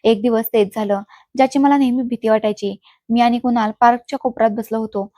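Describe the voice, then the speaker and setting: A woman narrating a first-person story at a steady, even pace. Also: fairly high pitch, a little fast, dry recording.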